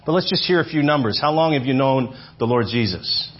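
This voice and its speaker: A man in his fifties preaches a sermon to a church audience in a mid-range, animated voice at a brisk pace. He talks conversationally, repeats phrases, and puts questions to the room. The sermon audio is dull and lo-fi, with slight background noise.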